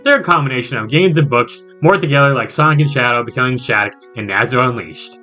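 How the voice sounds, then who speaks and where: A video game reviewer who hosts a channel narrates a scripted comedy review over background music, playful, exaggerated and full of jokey asides. His medium-pitched voice is animated, quick, bright and forceful.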